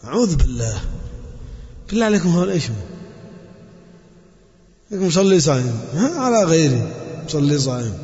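A man delivers an impassioned sermon in a high voice, his pitch leaping up and dropping low for emphasis. His speech slips between casual phrasing and solemn quotation. The dull, lo-fi recording carries a long echo from a large hall. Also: sing-song, a little fast, pauses often, a little mellow. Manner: impassioned, rises and drops sharply in pitch. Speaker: preacher. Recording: echoey hall, dull lo-fi sound.

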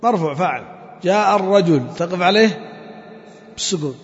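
A man teaching a classroom lesson on Quran recitation, drilling examples slowly, chanting phrases and quizzing his students. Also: high-pitched. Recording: long reverb, dull lo-fi sound.

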